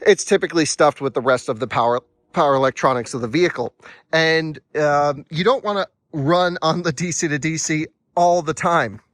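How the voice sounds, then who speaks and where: A man's voice: on the high side, fairly bright tone, no room sound. Chatty man with the hiccups. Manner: chatty, restarts words, has the hiccups. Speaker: channel host. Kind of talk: casual explainer vlog.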